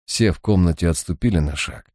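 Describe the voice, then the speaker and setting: A man reading a novel aloud in a measured, even storytelling manner. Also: low-pitched, no room sound, studio quality. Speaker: audiobook reader. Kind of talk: audiobook narration.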